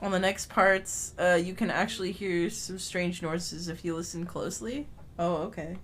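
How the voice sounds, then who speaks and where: A woman's voice: lowish voice, fairly even intonation, normal speed, a bit bright, a little hiss or hum. A woman streamer giving casual live-stream commentary over a game, playful and giggly, with dramatic reactions.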